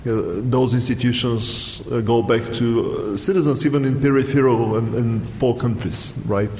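Measured male panelist in an echoey hall. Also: mid-range voice, a little mellow. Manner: measured, explanatory, with frequent ums. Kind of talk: panel discussion answer. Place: large hall. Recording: echoey hall, faint background noise.

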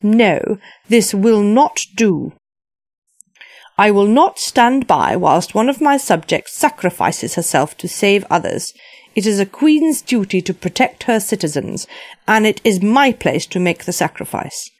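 A woman's voice: medium pitch, very animated, a little slow, no room sound, voice pushed up. A woman voicing an imperious elderly widowed queen who speaks formally and with disdain.

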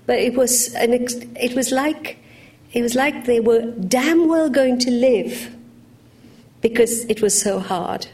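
A woman from Uganda speaking on a panel, telling personal stories in a lively, frank way. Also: on the high side, slow pace. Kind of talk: anecdotal panel discussion.

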